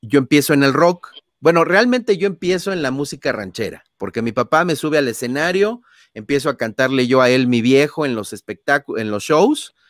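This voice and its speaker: A man's voice: medium pitch, dry recording, clean studio sound. A man with a Mexican accent, an interview guest telling anecdotes casually and acting out scenes with sound effects, often adding tag questions. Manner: frequent tag questions and fillers. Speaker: guest, son of a famous singer.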